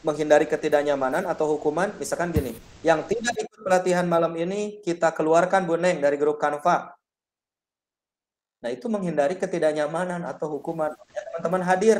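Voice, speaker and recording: A man's voice: a little high, echoey room, a little hiss or hum. A man presenting an online teacher-training webinar, talking straight to his listeners and acting out sample teacher lines. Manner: lively, addresses listeners directly, acts out sample teacher lines.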